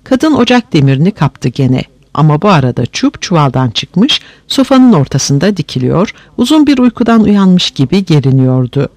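A man narrating a story aloud in an expressive, animated way. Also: on the high side, moderate pace, hardly any pauses, no room sound.

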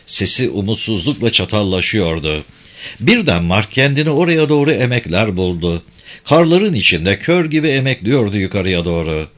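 A man narrating a war novel as an audiobook, with tense, expressive storytelling. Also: fairly low pitch, moderate pace.

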